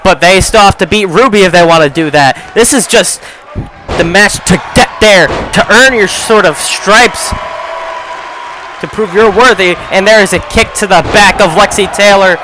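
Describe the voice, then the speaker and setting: High-voiced man shouting wrestling play-by-play. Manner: fast play-by-play, often shouting. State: losing his voice. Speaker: play-by-play commentator. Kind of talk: video game wrestling commentary. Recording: crowd noise and game sound behind.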